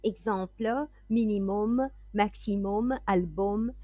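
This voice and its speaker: A woman teaching French pronunciation, reading word lists and example sentences in a careful, clearly enunciated way. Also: mid-range voice, slow pace, warm tone, no room sound. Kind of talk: slow, deliberate word-list reading.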